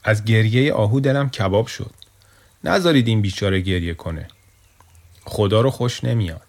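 A man voicing a loud, kind-hearted male donkey in a children's story, calling out. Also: fairly low pitch. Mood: eager. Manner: calling out loudly.

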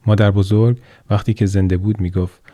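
Male storyteller, low mellow voice, expressive measured read, dry close recording. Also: no echo, lo-fi sound. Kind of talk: scripted narration of a children's tale.

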